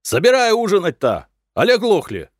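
A man voicing a gruff, irritable peasant who barks curt, impatient orders. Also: mid-range voice, big pitch swings, brisk, no room sound, clean studio sound, pitched above the performer's own voice, close to an everyday voice.

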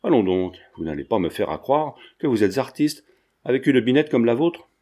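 A man's voice: mid-range voice, big pitch swings, normal speed, warm tone. A man voicing a brash, joking male painter who talks in teasing, slangy banter.

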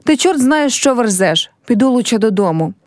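A woman's voice: a little high, sing-song, normal speed, no echo, clean studio sound. A woman reading a play aloud and voicing a young village girl who is heartbroken and proud, speaking in a pleading, reproachful way.

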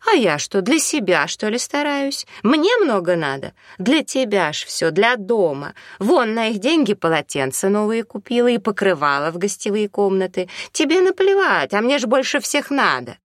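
A woman voicing a loud, indignant housekeeper who wails in complaint. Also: mid-range voice, big pitch swings, moderate pace, hardly any pauses, no room sound, studio quality, pitched above the performer's own voice, lightly acted. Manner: wailing, indignant.

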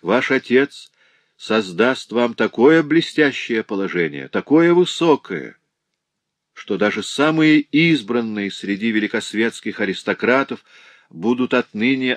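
A man's voice: fairly low pitch, no room sound, voice pushed up. Man reading an impassioned prince father. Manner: impassioned, exclaiming. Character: noble prince, a grieving, overjoyed middle-aged father.

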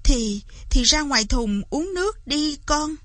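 A woman acting out a poor peasant mother, pleading in a high, strained voice. Her lines come slowly, recorded dry and close. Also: expressive, fairly bright tone, no room sound. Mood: worried. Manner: pleading, anguished.

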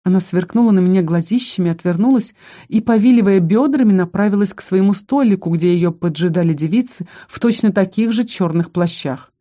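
A woman tells a first-person audiobook story with expressive delivery. Her voice is mellow and warm, and her pitch sits in a middle range. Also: fairly quick. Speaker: audiobook narrator.

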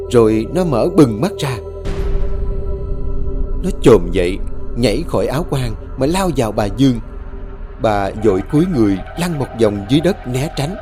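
A man narrating a ghost story in a mellow, warm voice with a lively, swinging pitch. His delivery is dramatic and tense, building and easing with the scenes. Soft music plays faintly behind him. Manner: dramatic, tense storytelling with rising and falling intensity. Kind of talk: scripted horror story narration. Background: faint background music.

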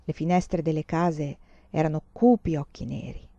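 A woman reading a novel aloud in a measured, expressive way. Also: low voice, no echo, muffled recording. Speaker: audiobook reader. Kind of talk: literary audiobook narration.

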